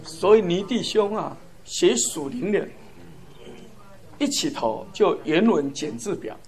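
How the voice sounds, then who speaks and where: Man preaching to the congregation, kinda high voice, fervent, laughs a lot as he goes. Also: lively intonation, slow. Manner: fervent, chuckling, emphatic lists. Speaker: church speaker. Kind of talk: sermon testimony.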